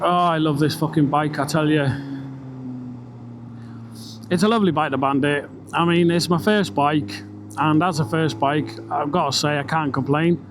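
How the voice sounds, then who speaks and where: A man's voice: fairly high pitch, steady tone, normal speed, pauses often. British man talking inside a helmet, engine noise. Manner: chatty, rambling, swearing. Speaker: vlogger. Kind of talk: casual ride-along motorbike vlog chat. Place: outdoors, riding a motorbike on country roads. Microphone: microphone inside a helmet. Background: motorbike engine and road noise.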